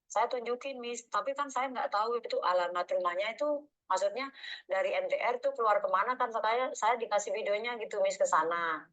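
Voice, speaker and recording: A woman's voice: mid-range voice, fairly quick, fairly bright tone, dull audio. A woman calling for advice who rambles through explanations, deferentially ending nearly every phrase with "Miss". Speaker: caller, domestic worker abroad. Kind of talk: phone call asking for advice.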